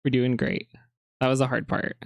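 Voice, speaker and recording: A podcast co-host chatting casually, often chiming in with quick agreement. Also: medium pitch, vocal fry, dry recording. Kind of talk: casual chat.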